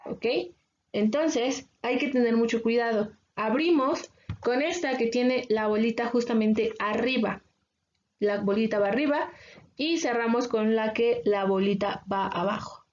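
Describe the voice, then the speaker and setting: A woman teacher with a Mexican Spanish accent explaining a lesson patiently, pausing often with filler sounds. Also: on the high side, darkish tone, lo-fi sound. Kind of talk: recorded online class lecture.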